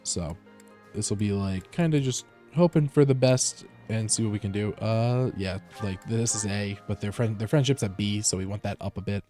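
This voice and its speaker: Mellow man on a livestream headset mic. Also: fairly low pitch, moderate pace, soft background music. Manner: relaxed, rambling, many fillers and restarts. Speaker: streamer. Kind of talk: casual live gameplay commentary.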